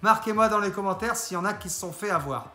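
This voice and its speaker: A man vlogs in a loose, rambling rant full of mocking asides. His voice sits high and sounds bright and forceful. Faint music plays underneath. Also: fast talker. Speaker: YouTuber. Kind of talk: casual vlog rant.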